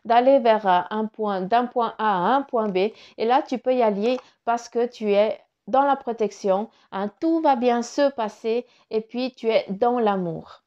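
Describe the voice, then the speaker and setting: A woman's voice: a little high, darkish tone. Chatty French woman, dull lo-fi sound. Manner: chatty, swears casually, drops to murmurs. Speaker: card reader. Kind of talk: casual spiritual card reading.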